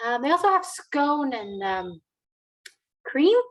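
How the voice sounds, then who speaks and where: High-voiced woman, hesitant and chatty. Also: big pitch swings, slow pace, rough recording. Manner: hesitant, many fillers and restarts. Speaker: alumna guest. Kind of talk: casual interview answers.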